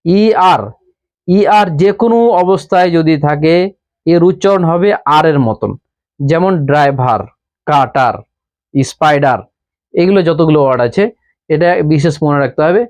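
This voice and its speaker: A man with a Bengali accent teaches English pronunciation in a slow, patient way. He says each rule twice and follows it with examples. His voice sits a little high. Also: darkish tone. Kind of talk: pronunciation lesson.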